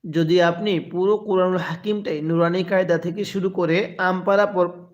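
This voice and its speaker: A man teaching Quran recitation, drawing out each phrase slowly and having listeners repeat after him, then explaining in quick bursts. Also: high voice, steady tone. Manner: drawn-out slow recitation between quick explanations. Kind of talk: recitation lesson, call and repeat. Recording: muffled lo-fi recording.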